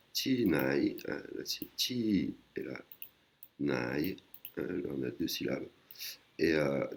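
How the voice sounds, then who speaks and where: A man with a very deep, gravelly voice teaches in a relaxed, hesitant way and keeps restarting his sentences. He explains each point patiently and adds little tag words as he goes. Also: slight background noise. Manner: hesitant, many fillers and restarts. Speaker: language teacher. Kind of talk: casual screen-recorded lesson.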